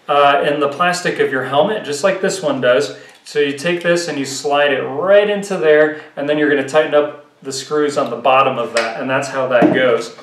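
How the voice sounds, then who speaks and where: This thirties-aged gear reviewer, voice a little high and fairly bright, talks through equipment casually and explanatorily, as if thinking out loud. The recording, made at a table in a home living room, has roomy echo and clear background noise.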